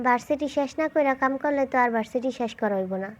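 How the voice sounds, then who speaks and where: A woman's voice: high voice, fast, natural voice. A woman voicing a teasing, lovesick young village man in a fan-fiction audio story, speaking a rural Bangladeshi dialect. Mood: earnest. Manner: pleading, playful teasing.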